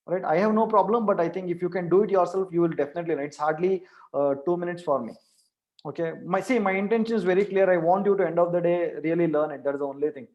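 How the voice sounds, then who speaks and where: A man's voice: high voice, fast, highs cut off. A man teaching programming in a live online class, repeating his questions to push students to answer.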